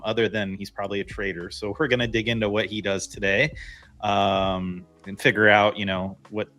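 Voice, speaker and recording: A man hosting a livestream in a casual, upbeat way, chatty and jumping in with quick questions. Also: fairly low pitch, a bit bright. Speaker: show host. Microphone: home mic on a livestream.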